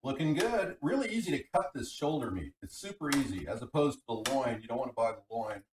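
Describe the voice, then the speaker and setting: A man's voice: mid-range voice, lively intonation, fairly quick. Man on a distant, tinny mic. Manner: rambling, folksy, breaks off to read chat. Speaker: livestream cooking host. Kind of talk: casual cooking chat to live viewers. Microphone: computer microphone, away from the mouth. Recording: tinny computer mic, distant, background noise.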